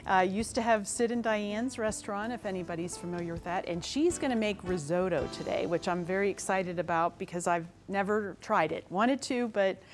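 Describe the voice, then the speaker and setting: A woman's voice: mid-range voice, normal speed, few pauses, faint music behind. A woman hosting a cooking segment, friendly and eager as she brings on the guest. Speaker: cooking show host.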